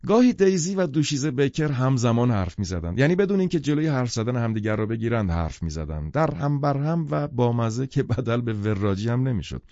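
A man reading an audiobook novel in an expressive storytelling manner. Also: mid-range voice, few pauses, no echo. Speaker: audiobook narrator. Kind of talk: scripted audiobook narration. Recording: dull, dry lo-fi studio recording.

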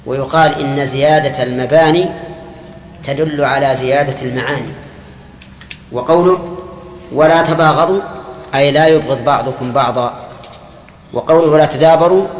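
Explaining a hadith term by term in a mid-range voice, an older sheikh quizzes his students and mixes in Gulf colloquial asides during this classical commentary lesson. Faint room hiss and echo come from the hall he teaches in.

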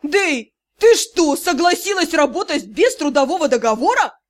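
A loud, exasperated young gnome man , read by a woman, rants and scolds with theatrical indignation. The pitch sits fairly high for a man, as a woman's audiobook voice stretches down to him. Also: lively intonation, a little slow. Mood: outraged. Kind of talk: audiobook character reading.

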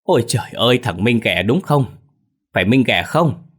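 A man voicing a cowardly male thief who grumbles and frets in quick, nervous speech. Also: fairly low pitch, expressive, a bit bright. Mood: surprised.

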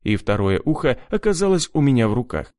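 A man's voice: medium pitch, sing-song, brisk, darkish tone, no echo, clean studio sound. Man narrating a grim audiobook. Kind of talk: scripted narration.

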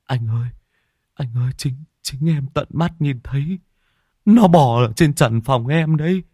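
A man's voice: medium pitch, a little slow, no room sound, clean studio sound, voice pushed up. A man voicing a frightened younger brother who is crying and pleading in panic. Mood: terrified, pleading.

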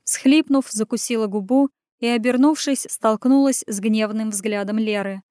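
A woman reading a first-person story aloud as audiobook narration, in an even storytelling delivery. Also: fairly high pitch, normal speed, clear, resonant tone, no room sound, clean studio sound.

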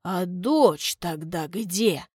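A woman voicing a courteous, shrewd middle-aged male butler who speaks in a measured, inquiring way. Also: fairly low pitch, expressive, a little mellow, breathy edge, no echo, studio quality, heavily acted. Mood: puzzled, polite.

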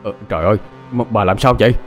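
A man's voice: lowish voice, racing, soft background music, close to an everyday voice. A man voicing a startled old grandfather who gives urgent orders and stumbles over hesitant fillers.

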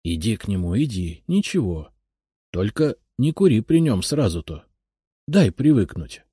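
A man reading a story aloud, voicing a kindly old grandmother who soothes a boy in a soft, raised voice. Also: on the low side, big pitch swings, unhurried, breathy edge, no echo, studio quality, exaggerated voice. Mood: gentle.

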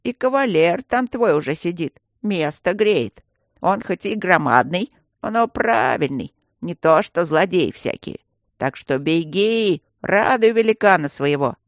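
A reader voicing a sly, gruff stone guardian who growls and coaxes by turns. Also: medium pitch, animated, a little slow, dry recording, studio quality. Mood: coaxing. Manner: growling, fussy, coaxing.

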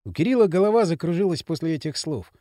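A male audiobook narrator with an expressive, dramatic delivery. His pitch sits a bit high and moves widely, and his tone is dark and mellow. The recording is dry, with no room sound. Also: fast talker, no room sound. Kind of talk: scripted narration.

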